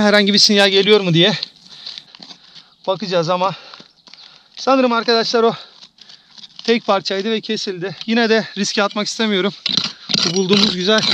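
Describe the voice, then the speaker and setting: A man's voice: sits high, heavy background noise. A man vlogging outdoors as he digs for treasure, describing the soil and repeatedly telling viewers to look. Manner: repetitive, keeps urging viewers to look. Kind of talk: live narration while digging. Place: outdoors at a dig site.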